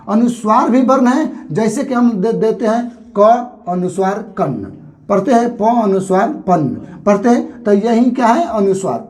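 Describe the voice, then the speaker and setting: A man's voice: sits high, a little mellow. A man teaching grammar for exams, repeating key points and drilling letter sounds one by one. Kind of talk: classroom-style exam lesson.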